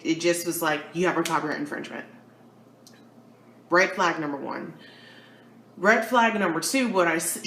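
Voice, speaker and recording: Chatty woman with a lilt, echoey room. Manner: chatty, animated quoting with big pitch jumps. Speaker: YouTuber and kindergarten teacher. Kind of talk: casual storytime vlog.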